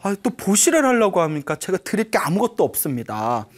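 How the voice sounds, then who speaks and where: A Buddhist nun voicing a poor, weeping old woman who has been a servant all her life, with a slow, pleading manner. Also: medium pitch, sing-song. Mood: pleading lament.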